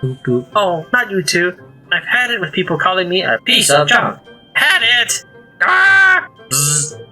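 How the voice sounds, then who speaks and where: A man's voice: sits high, very animated, unhurried, sharp tone, soft background music, pitched above the performer's own voice, heavily acted. A man putting on a robot voice for a glitchy, touchy male robot, with beeps and boops in between, while reading game dialogue aloud.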